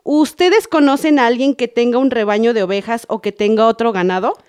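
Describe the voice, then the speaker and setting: A woman playing a Mexican mother in a family skit with a high, bright voice. She is stern when the kids misbehave, then patient and gentle as she explains things to them. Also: fairly quick, smooth, close to an everyday voice. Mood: explaining.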